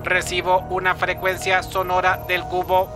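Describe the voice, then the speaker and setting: A woman's voice: lowish voice, completely flat delivery, normal speed, music in the background, natural voice. A woman playing a literal-minded robot assistant that reports facts precisely and without emotion. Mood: matter-of-fact.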